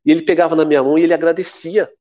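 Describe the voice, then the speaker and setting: Brazilian man in his forties, a lively storyteller with a slightly high voice that leaps up when he acts out other people's lines, recorded a bit dull and lo-fi. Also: very fast. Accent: Brazilian Portuguese. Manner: lively, acts out quoted voices with big pitch jumps. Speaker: podcast guest, former athlete. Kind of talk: casual storytelling.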